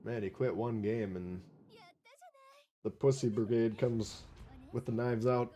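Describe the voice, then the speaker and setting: A man with a Minnesota accent hosts a live gameplay stream in a loose, wisecracking way. He talks through his matches and answers viewer comments as they come in. His voice sits at an ordinary middle pitch. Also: a little slow, mellow. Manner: chatty, wisecracking, reads viewer chat aloud. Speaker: livestream gaming host.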